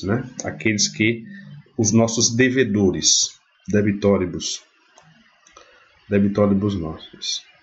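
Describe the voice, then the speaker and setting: A low-pitched man teaches grammar step by step, often checking in with short fillers. His patient explanations come through a dull, lo-fi recording. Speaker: Latin teacher. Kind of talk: explanatory lesson.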